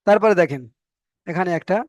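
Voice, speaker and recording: At a fairly quick pace, a Quran reading teacher with a Bengali accent and fairly high voice guides learners through Arabic letters step by step in an online lesson. He repeats each name and lengthens vowels to show their right duration, and the audio is close, dry, echo-free and dull.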